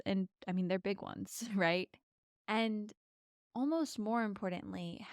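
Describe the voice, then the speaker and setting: A woman with a fairly low, clear voice leads a guided meditation as host. Her delivery is soft and soothing, unhurried, with long pauses. The sound is dry and close, with no room around it. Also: no room sound.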